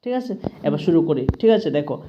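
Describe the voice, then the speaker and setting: A woman's voice: sits low, lively intonation, brisk, dark tone, muffled recording, slight background noise. Patient woman teaching grammar. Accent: Bengali from Tripura. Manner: patient, keeps checking understanding with "ঠিক আছে?". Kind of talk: explaining grammar to students.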